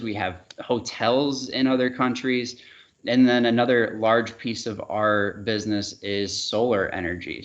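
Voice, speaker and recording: A man giving a relaxed sales presentation over a video call, with frequent fillers and restarts. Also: fairly low pitch. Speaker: regional sales manager presenting a webinar. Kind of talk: casual product presentation. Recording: dull, muffled webinar audio.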